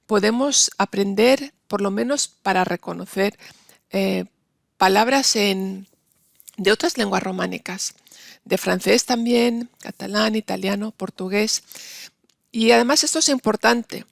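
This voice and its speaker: A woman teaching a university Spanish linguistics lecture, explaining patiently and slowing down to stress example words. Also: medium pitch, gravelly, no echo, studio quality.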